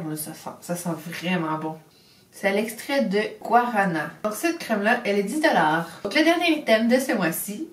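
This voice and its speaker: Her voice is mid-range and picked up from a distance, a bit off-mic in an echoey room. She's a young beauty vlogger with a Québécois French accent, chatty and upbeat as she unboxes beauty products and does her makeup, tossing English beauty vocabulary into her French.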